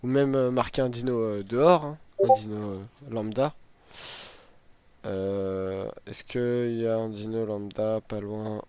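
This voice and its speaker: A man with a hoarse, worn-out, sick-sounding voice, giving a casual, hesitant walkthrough as a gaming video host. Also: on the low side, a little slow, a little mellow, no room sound. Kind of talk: casual game item walkthrough.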